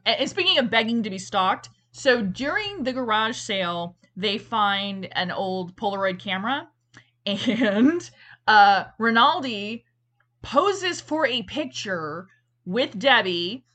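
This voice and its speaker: A woman's voice: medium pitch, slow. A woman co-hosting a podcast, reviewing a movie in casual, jokey chat and acting out characters' lines. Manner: animated, jokey, acts out characters in quoted voices. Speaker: podcast co-host.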